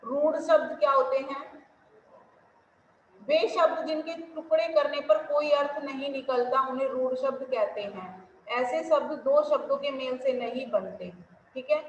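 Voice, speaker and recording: A woman's voice: sits high, a little slow, a little hiss or hum. A woman teaching a Hindi grammar class online with a Delhi-region Hindi accent, explaining patiently and asking questions she then answers herself. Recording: echoey room, dull lo-fi sound.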